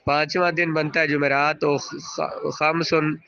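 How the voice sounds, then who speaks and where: A man's voice: fairly high pitch, level tone, sharp tone, smooth, dull audio. A male teacher giving a classroom grammar lesson, parsing sentences aloud and patiently quizzing students and repeating their answers.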